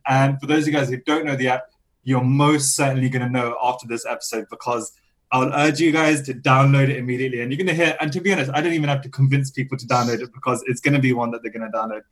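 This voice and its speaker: Slightly croaky after a coughing fit, this excitable man hosts a podcast remotely from a London home studio, gushing and laughing often as he interviews with enthusiasm. His voice is medium-pitched and quick, and the recording quality is low.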